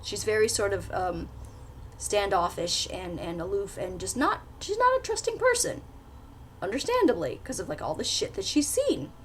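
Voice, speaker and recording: A woman's voice: mid-range voice, sing-song, normal speed, a little hiss or hum. A woman book vlogger in casual chat, retelling a plot animatedly with lots of fillers.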